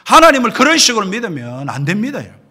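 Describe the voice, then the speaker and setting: A man's voice: high voice, huge pitch swings, fast talker, bright, forceful tone, slightly rough. A man preaching a sermon as pastor, emphatic, often addressing the congregation directly and asking rhetorical questions. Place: church sanctuary.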